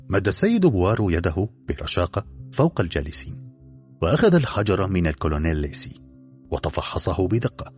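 A man narrating a story in an expressive, varied delivery. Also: low voice. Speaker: audiobook narrator.

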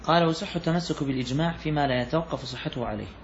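A man with a slightly high voice races through a classroom lecture on a classical text of Islamic jurisprudence, repeating key phrases and posing questions to students. The audio has its highs cut off and a little hiss or hum.

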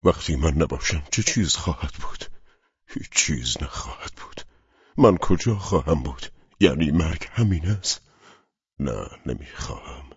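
Guy reading as a dying judge, super deep husky voice, talking to himself in dread, dull dry recording. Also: expressive, no room sound, exaggerated voice. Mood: frightened. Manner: anguished inner monologue, rising to near-whispers. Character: dying middle-aged male judge, frightened and bitter. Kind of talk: audiobook reading.

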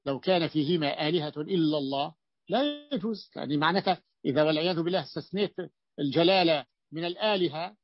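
Here the sheikh's voice sits on the high side, with lively intonation and a quick pace. He explains a grammar lesson, questions his students and restarts frequently, all captured in a dull, lo-fi, dry recording.

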